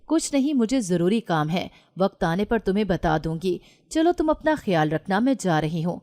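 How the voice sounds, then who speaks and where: A woman's voice: medium pitch, very animated, dark tone, natural voice. A woman narrator voicing a stern, secretive middle-aged mother in a storybook reading, clipped and evasive. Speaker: mother in a read-aloud story.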